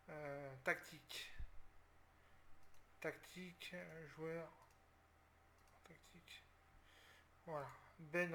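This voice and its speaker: A man from France talks through a football video game match as he plays it. His voice is high and bright, and he sounds tense as he explains each tactical change, with sudden loud cries when a play goes wrong. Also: a little hiss or hum. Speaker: gaming video creator. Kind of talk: live football game commentary.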